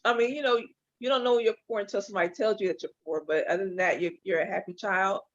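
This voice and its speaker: A Los Angeles hair and makeup artist in her forties speaks quickly in a medium-pitched voice. As a guest in a casual interview, she tells her story openly and sometimes grows animated. The audio is dull and lo-fi.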